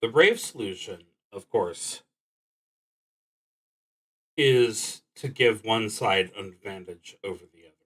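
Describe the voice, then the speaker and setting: A lowish, expressive voice with a breathy edge belongs to a man streaming solo roleplaying. He reads the prompts aloud and mulls them over deliberately, pausing often and trailing off into muttering.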